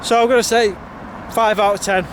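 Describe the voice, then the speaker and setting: A man's voice: sits high, steady tone, brisk, noisy background. An English man vlogging as he walks a town's streets and pubs, giving a blunt, sweary, wry running commentary. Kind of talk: casual walking vlog. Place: outdoors on town streets at night, then inside a pub.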